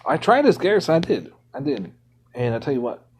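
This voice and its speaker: A man's voice: mid-range voice, very animated, a little fast, breathy edge. A man streaming a game from home, ranting indignantly in casual commentary.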